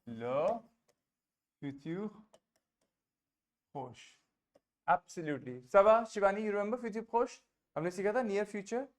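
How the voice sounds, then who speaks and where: A French teacher with an Indian English accent leading an online class over a video call, mixing English, Hindi and French and repeating phrases patiently. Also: mid-range voice. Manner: patient, drills phrases by repeating them slowly.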